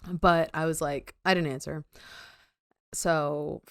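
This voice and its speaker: A woman's voice: low voice, steady tone, slow pace, dry recording, studio quality. A young woman co-hosting a podcast, chatting casually and rambling with lots of fillers and giggles. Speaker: podcast co-host. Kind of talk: casual chat.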